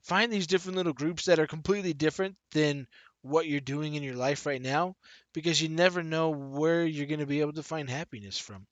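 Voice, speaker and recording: A man's voice: a little high, brisk, no echo, dull audio. A man co-hosting a podcast, speaking in an encouraging, playful casual chat. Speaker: podcast co-host.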